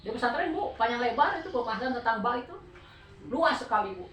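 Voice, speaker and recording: A woman's voice: a little high, lively intonation, fast talker, a bit bright, slight background noise. A woman with a Sundanese accent giving a Quran study talk to a group of women, explaining patiently and often asking her listeners for answers. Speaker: religious teacher. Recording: echoey room, voice heard from a distance.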